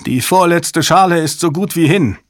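A man reading an audiobook, voicing a panicked technician who shouts out warnings. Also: on the high side, moderate pace, no room sound, clean studio sound, pitched above the performer's own voice, lightly acted. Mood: alarmed. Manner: shouting alarms. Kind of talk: audiobook character voice.

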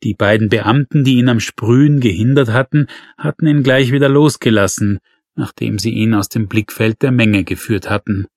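A male audiobook narrator reads a crime novel in a measured, wry way, with a mid-range voice. The studio sound is very dry and close. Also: mid-range voice, a little mellow, no echo.

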